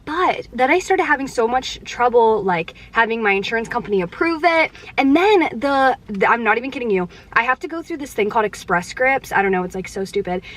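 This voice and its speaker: Chatty young woman, higher voice. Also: lively intonation, brisk, few pauses. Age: young adult. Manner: chatty and candid, heavy use of "like"; talks while eating, sometimes with mouth full. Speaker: vlogger answering viewer questions. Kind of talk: casual chat.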